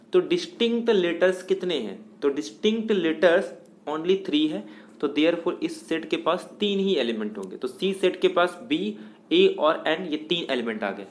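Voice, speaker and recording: A man with a fairly high voice teaches math in a patient, step-by-step lecture. He poses questions to the class and answers them himself, mixing English terms into his speech. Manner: explains step by step, asks and answers own questions.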